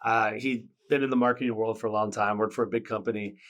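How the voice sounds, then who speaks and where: A man's voice: on the low side, steady tone, fast talker, fairly bright tone. Friendly, agreeable man hosting a podcast. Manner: agreeable, prompts with many yeahs. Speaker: podcast host. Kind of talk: casual podcast interview.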